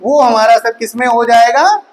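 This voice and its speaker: High-voiced woman teaching Hindi pronunciation. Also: normal speed, low-quality recording. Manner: drills pronunciation aloud, asks students rhetorical questions; addresses students affectionately as 'beta'. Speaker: Hindi teacher for exam coaching. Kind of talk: online class lecture. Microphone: recorded for mobile viewers.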